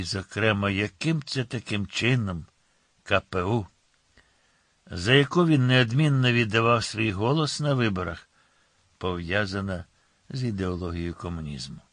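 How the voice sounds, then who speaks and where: A man with a low voice narrates an audiobook at a measured pace, with a dry, ironic touch. The sound is dry and close to the mic. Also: a bit bright, no room sound. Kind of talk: scripted narration.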